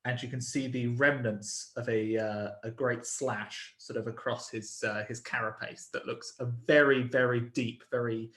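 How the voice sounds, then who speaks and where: A man narrating a tabletop role-playing game as game master, slowly describing a creature with many pauses and fillers. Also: medium pitch, fairly even intonation, a bit bright, roomy sound. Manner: hesitant, many fillers and "sort of".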